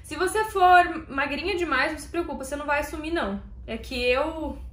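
A woman with a high, bright voice teaches belly dance online at a brisk clip, chatting casually in slangy, encouraging language. The lesson talk is recorded in an echoey room.

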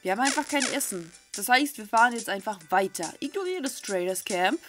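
A brisk, slightly high voice with lively intonation belongs to a middle-aged German woman hosting a gaming video. She reads the game text aloud and comments candidly and coarsely into a close desk mic, indoors at a small home setup, over game music.

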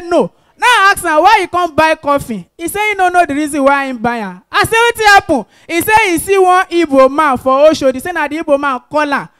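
A Nigerian woman doing stand-up comedy, telling lively stories and shouting out calls to the crowd. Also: extremely high pitch, no echo. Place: comedy stage.

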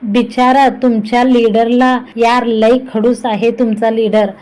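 A woman's voice: fairly high pitch, level tone, a little slow, a little mellow, close to an everyday voice, low-quality recording. A woman voicing a cheeky, talkative young man teasing his older brother in a storybook reading. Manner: chatty, cheeky, playful.

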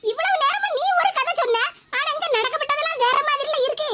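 A woman's voice: very high voice, brisk, bright, forceful tone. A woman doing a gossipy village neighbour. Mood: concerned. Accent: Tirunelveli Tamil. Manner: gossipy, teasing. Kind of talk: cartoon voice acting. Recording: noisy cartoon audio.

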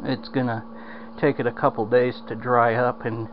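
A man's voice: medium pitch, little pitch movement, moderate pace, slight background noise. A man casually rambling with plenty of fillers while filming a home repair walkthrough in a damp basement on a handheld camera. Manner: rambling, drawling, lots of fillers. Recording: dull lo-fi camera audio.

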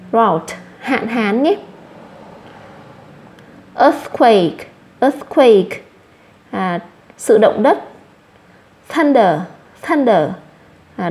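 A woman's voice: on the high side, darkish tone. Vietnamese woman teaching English words. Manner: repeats each English word slowly, then explains it. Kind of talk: vocabulary lesson for children.

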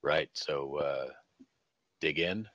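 A man playing a tabletop game, describing his character's actions in a hesitant, halting way. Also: rumbling low, fairly bright tone, no room sound, dull audio. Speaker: player.

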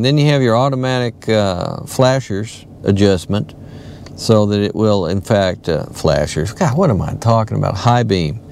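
Gravelly low-voiced man touring a truck. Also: darkish tone, a little hiss or hum. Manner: rambling, self-correcting, lots of fillers. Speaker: car reviewer. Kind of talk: casual walkthrough of a vehicle interior. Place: inside a pickup truck cab.

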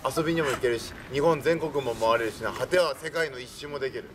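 The same kind of castle-grounds show: a young man in costume, standing by a stone wall, voices a bragging, seasoned samurai lord who doles out hearty, forceful advice to visitors in old-fashioned language, sounding wise and advisory. He speaks fast at medium pitch, close to his everyday voice. Sound comes from a faraway camera and is noisy.

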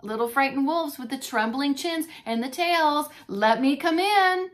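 A woman voicing a menacing big bad male pig in a storybook read-aloud, with booming, drawn-out threats. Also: expressive. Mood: coaxing.

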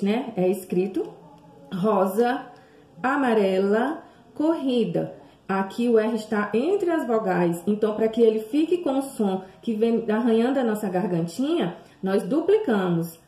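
A Brazilian woman teaching young children, drawing words out slowly and sing-song, with many questions to the class. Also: fairly high pitch, mellow. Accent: Brazilian Portuguese. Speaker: primary school teacher. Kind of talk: remote lesson for young children. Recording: echoey room.

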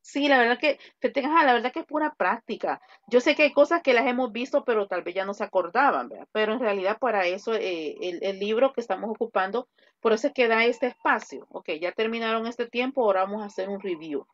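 Speaking quickly in a slightly high voice, a woman gives an online English grammar lesson in Spanish, patiently explaining points and testing her students with questions. The sound has the dull, dry quality of video-call audio.

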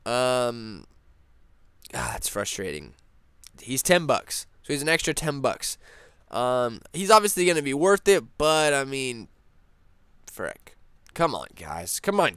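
A young man hosting a casual gaming news vlog, rambling excitedly with lots of fillers and restarts. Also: medium pitch, clear, resonant tone, no echo. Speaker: gaming channel host.

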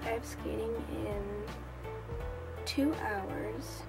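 Slow-talking woman vlogger over music. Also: fairly high pitch, vocal fry, low-quality recording. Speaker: YouTuber. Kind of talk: casual vlog clips. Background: music playing.

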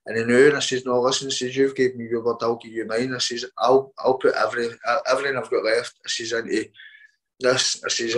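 A man, a boxer, telling his story in a casual interview, halting and repeating words as he quotes what others said. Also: medium pitch, a bit bright, poor audio.

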